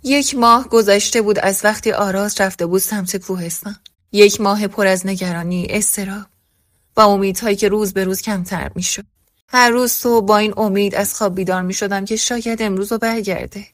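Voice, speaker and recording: A woman reading a first-person story aloud as scripted narration, voicing every character in the same even narrating voice. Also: medium pitch, no room sound, studio quality.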